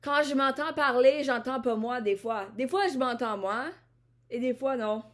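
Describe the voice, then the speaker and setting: A woman vlogging from Ottawa, Canada has a voice that sits high and moves at a moderate pace. She rambles introspectively to the camera, frequently restarting and repeating what she says.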